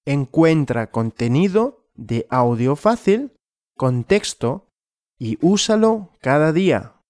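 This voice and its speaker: Polite storybook talking dog, read by a man, calm and plain, slow with a lively lilt. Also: on the high side, dry recording, studio quality.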